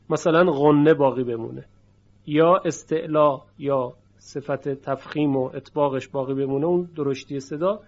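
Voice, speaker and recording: A man teaching Quran recitation rules, explaining slowly and drawing out example words to show each sound. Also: fairly high pitch, lo-fi sound. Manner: explanatory, drawn-out demonstration of sounds. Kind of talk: tajwid lesson with recited examples.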